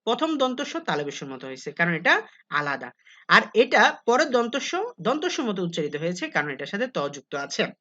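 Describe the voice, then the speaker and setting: A woman's voice: medium pitch, very animated, normal speed, a bit bright, muffled recording. A woman tutor explaining exam answers step by step, asking and answering her own questions. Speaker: Bangla tutor. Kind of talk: exam-prep lesson.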